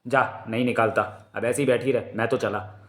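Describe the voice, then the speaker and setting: A man voicing a bad-tempered wolf-kin man with a tail, rough and scolding, in a comic reading. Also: medium pitch, fairly even intonation, moderate pace, a bit bright, lightly acted. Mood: angry. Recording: roomy echo.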